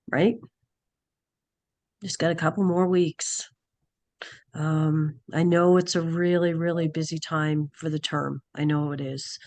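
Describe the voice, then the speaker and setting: Hoarse woman teacher with a cold, raspy, halting, thinks aloud mid-sentence, video-call class. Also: low-pitched, a little mellow. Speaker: nursing class instructor. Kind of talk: online class session.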